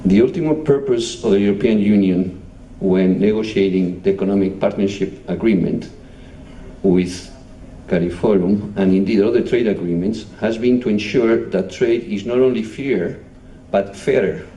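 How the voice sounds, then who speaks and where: A man with a Spanish accent delivers a formal speech in a measured, steady way. His voice sits low and sounds mellow and dark. He is picked up from well back in a roomy, echoing conference hall with a faint hum of noise. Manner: measured, formal, reading out titles. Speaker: European Union official giving a speech. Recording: echoey hall, distant mic, faint noise.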